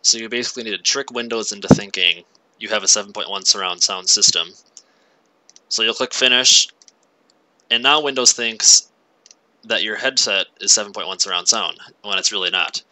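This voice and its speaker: Bright-voiced young man on a headset. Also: fairly low pitch, brisk, low-quality recording. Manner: relaxed, rambling, frequent fillers. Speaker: gaming channel host. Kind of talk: casual tech walkthrough. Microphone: gaming headset mic.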